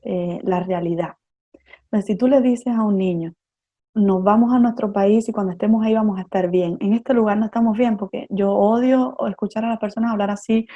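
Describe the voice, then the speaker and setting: Mellow-voiced woman psychotherapist explaining. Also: medium pitch, muffled recording. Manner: explanatory, lays out ideas step by step with examples. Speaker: psychotherapist guest. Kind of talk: expert explanation in an interview.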